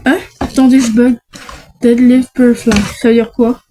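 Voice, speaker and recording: Chatty high-voiced woman unboxing toys. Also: flat delivery, moderate pace, mellow, a little hiss or hum, low-quality recording. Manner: chatty, self-talking, frequent restarts. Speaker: unboxing vlogger. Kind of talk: casual unboxing chat.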